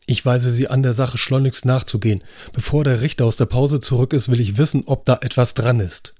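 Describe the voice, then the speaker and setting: A man's voice: medium pitch, steady tone, a little fast, a little mellow, no echo, studio quality, natural voice. A man voicing a driven prosecutor in an audiobook, firm and authoritative. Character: commanding, driven male prosecutor.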